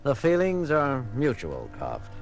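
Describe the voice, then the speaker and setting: A confident, wry starship captain, played by a man. The voice is medium in pitch and very animated, set over clear music in a science-fiction audio drama. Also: measured pace, full character voice. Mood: wry, commanding. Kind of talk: sci-fi audio drama acting.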